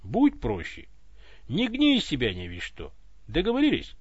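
A man voicing a rough-spoken space fleet pilot with a blunt, coarse manner, on a dull, dry recording. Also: fairly high pitch, wildly swooping pitch, normal speed, pitched above the performer's own voice, heavily acted. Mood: boastful.

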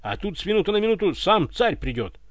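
Man playing a coarse swaggering guard in an audiobook, loud, lively pitch, dry. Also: fast talker, no room sound. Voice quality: rough, coarse. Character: brash swaggering palace guard, rough and loud. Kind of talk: audiobook character voice.

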